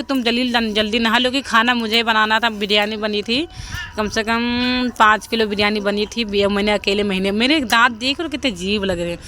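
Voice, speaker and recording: A woman's voice: a little high, noisy background. A young woman narrating her home video in a chatty voice-over, often pleading with viewers to comment. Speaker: family vlogger.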